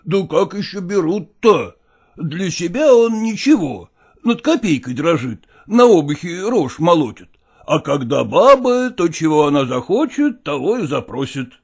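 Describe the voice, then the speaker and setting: A man playing a pragmatic older merchant father who coaxes his daughter in a dramatized reading, with a husky, gravelly voice and folksy persuasion. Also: fairly high pitch, very animated, a little slow, heavily acted. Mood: coaxing.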